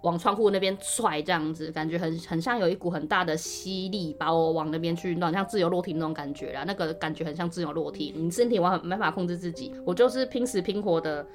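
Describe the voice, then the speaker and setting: A woman's voice: on the low side, fast, hardly any pauses, soft background music. A woman co-hosting a podcast, telling a personal story casually and rambling with many fillers and restarts. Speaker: podcast co-host.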